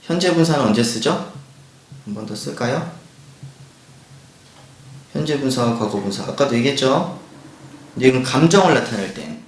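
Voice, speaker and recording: A man teaching an English grammar lesson. He explains each point step by step, asks rhetorical questions and reads example sentences slowly. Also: medium pitch, animated, roomy sound, low-quality recording. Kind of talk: recorded grammar lecture.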